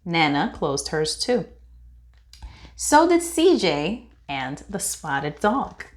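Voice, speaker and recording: Slow, expressive woman reading a storybook. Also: sits low. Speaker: children's read-aloud host.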